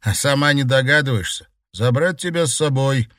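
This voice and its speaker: A man's voice: medium pitch, normal speed, fairly bright tone, no room sound, studio quality, pitched above the performer's own voice, natural voice. A man voicing an angry, protective teenage brother in an audiobook, scolding and insistent.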